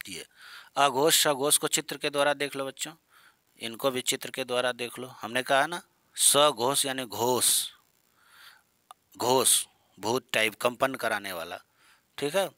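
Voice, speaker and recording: A man's voice: medium pitch, a little slow, long pauses, bright, forceful tone, dry recording. A man teaching Hindi grammar in an online exam-prep lesson. He asks his students questions and repeats the key terms, with playful jokes and mild scolding.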